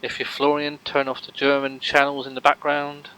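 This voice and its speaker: A man's voice: mid-range voice, completely flat delivery, moderate pace, bright, forceful tone, clear, resonant tone, rough recording. Joking, rambling male race commentator. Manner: rambling, filler-heavy, jokey banter. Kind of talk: live sim racing commentary.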